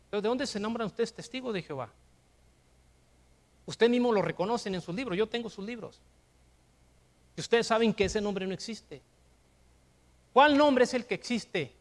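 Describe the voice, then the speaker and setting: An older man preaching a sermon in a Mexican accent, emphatic, with rhetorical questions and rising to shouts. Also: high-pitched. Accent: Mexican Spanish. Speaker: pastor.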